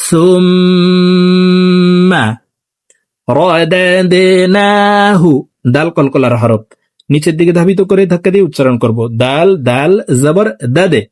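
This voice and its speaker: A man teaching Quran recitation, explaining pronunciation rules and then reciting verses slowly and drawn out for viewers to repeat after him. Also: on the high side, expressive, darkish tone.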